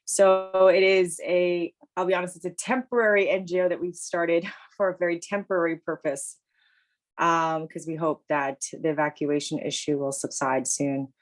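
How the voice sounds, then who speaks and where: A woman's voice: lowish voice, level tone, moderate pace, poor audio. A woman panelist on a video call, candid and conversational. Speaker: panelist, NGO co-founder. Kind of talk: panel discussion.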